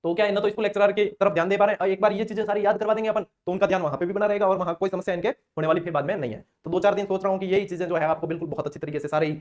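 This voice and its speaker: A male teacher runs an exam-prep lesson, rattling along at a quick clip in a fairly high voice. He talks in a chatty, playful way and slips into chanted memory rhymes and little acted-out scenes. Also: fairly even intonation.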